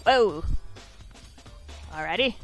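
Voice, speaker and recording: A woman's voice: mid-range voice, slow, faint music behind. A young woman hosting a casual game playthrough, laughing easily and reading the story and dialogue aloud. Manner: giggly, animated, reads narration and dialogue aloud. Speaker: let's play host.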